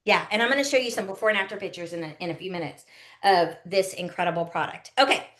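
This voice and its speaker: Talking fast in a mid-range, fairly bright voice, a skincare consultant in her early 50s hosts a live online product demo. Her instruction is casual and folksy, with frequent check-ins with listeners.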